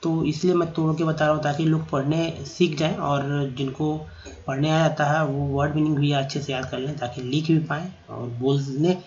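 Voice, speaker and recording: A man teaching English vocabulary, saying each word, spelling it out and repeating it slowly. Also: on the high side, steady tone, a little mellow, muffled recording, slight background noise. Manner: slow, drawn-out repetition of each word. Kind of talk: spelling and pronunciation lesson.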